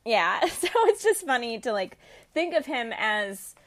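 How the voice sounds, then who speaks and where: A woman's voice: a little high, very animated, a little slow, fairly bright tone. A young woman talking casually as a podcast co-host, laughing often and filling her talk with "like" and "um". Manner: laughs often, many fillers like "like" and "um". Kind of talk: casual chat.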